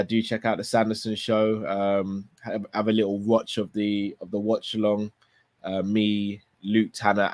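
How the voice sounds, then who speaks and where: A man hosting a football watchalong livestream, his voice croaky and tired, thanking viewers in a relaxed, rambling way. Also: fairly low pitch, no echo. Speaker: host. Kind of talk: casual livestream sign-off.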